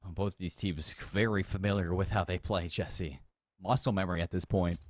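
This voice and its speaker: A man doing excitable live play-by-play as an esports caster, swinging between low remarks and loud calls, with game noise behind him. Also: normal speed, no room sound. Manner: excitable, swings from low murmur to shouts at big plays.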